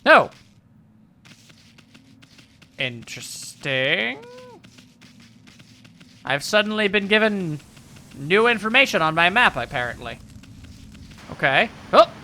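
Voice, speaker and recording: A man's voice: high-pitched, very animated, slow pace, pauses often, bright, forceful tone, slight background noise. A man playing a video game and giving casual, joking commentary, wry and rambling as he thinks aloud. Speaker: video game let's player.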